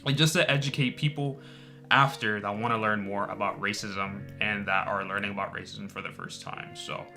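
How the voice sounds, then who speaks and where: A man's voice: lowish voice, steady tone, moderate pace, gravelly, bright, forceful tone, faint music behind. A young man, a student, introducing his video project in an earnest way. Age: young adult. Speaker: student filmmaker and interviewer.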